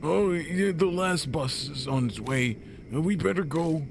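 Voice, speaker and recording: A man's voice: animated, unhurried, gravelly. A chubby young idol geek from a visual novel game, acted out by a man, talks eagerly in a raised, strained voice. There is faint noise in the background. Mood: eager, chatty. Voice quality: strained, high-pitched geeky voice. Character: round young male otaku, excitable idol fan.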